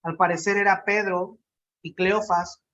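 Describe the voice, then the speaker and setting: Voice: medium pitch, steady tone, unhurried, bright, forceful tone, lo-fi sound, slight background noise. A preacher giving a conversational sermon, asking the congregation questions and acting out quotes.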